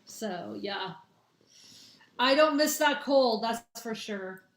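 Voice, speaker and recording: Her voice sits on the high side, lively yet slow, as this young Midwestern woman does spiritual readings on a casual livestream. She rambles and keeps starting over, and the phone or webcam audio carries room echo.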